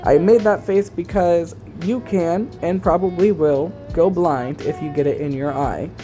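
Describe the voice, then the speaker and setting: A man's voice: fairly high pitch, unhurried, mellow, faint music behind. A man talking as a sassy, campy, chatty drag queen in a casual makeup tutorial voice-over.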